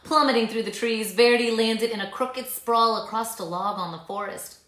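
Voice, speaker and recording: A woman in her thirties gives an expressive, emphatic reading of a children's story in a small indoor living room, the sound echoing around her. Her voice is on the high side, a bit bright, at a normal speed.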